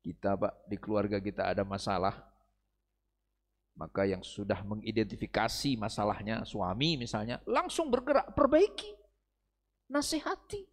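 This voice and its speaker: A man preaching in a mosque study session, animated, swinging from soft asides to loud exhortations. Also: lowish voice, normal speed, big-room sound. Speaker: Islamic preacher.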